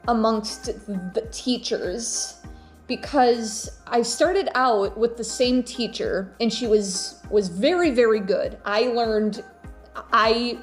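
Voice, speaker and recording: A young woman vlogger chatting casually and telling personal stories, often stopping and repeating her words as she goes. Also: fairly high pitch. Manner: halting, repeats words and phrases.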